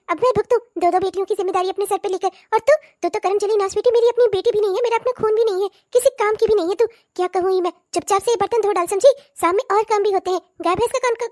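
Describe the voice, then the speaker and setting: A cartoon stepmother, voiced by a woman, scolds and curses at a rapid clip. Her voice sits very high and shrill, with a nagging edge. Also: a little mellow. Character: harsh scolding stepmother, middle-aged woman. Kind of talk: cartoon voice acting.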